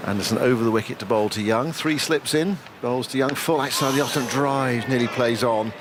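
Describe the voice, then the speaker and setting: A man with a mid-pitched voice calls live cricket for radio, switching between describing play and casual chat. Clear outdoor ambience from the ground sits behind him. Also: brisk, background noise. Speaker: cricket commentator. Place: commentary box at a cricket ground.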